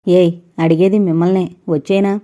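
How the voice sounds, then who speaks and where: A woman's voice: on the low side, little pitch movement, fairly quick, mellow, lightly acted. Woman voicing a playful teasing young wife. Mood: coaxing. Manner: teasing, coaxing.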